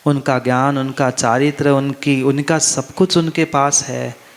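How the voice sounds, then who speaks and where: Speaking slightly slowly in a level, mid-range voice, a Jain monk delivers a sermon at a festival gathering. He presses his points emphatically, repeats himself and asks the crowd questions. The large hall gives his words a long, echoing reverb.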